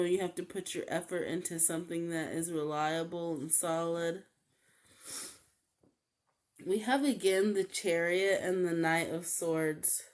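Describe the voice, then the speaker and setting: A woman giving a casual tarot reading, talking in a halting way with many fillers. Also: fairly low pitch. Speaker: tarot reader.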